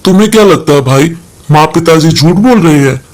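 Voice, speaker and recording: A man's voice: on the high side, lively intonation, a little fast, a little mellow, close to an everyday voice. Storybook sister, young, resentful and accusing, read by a man.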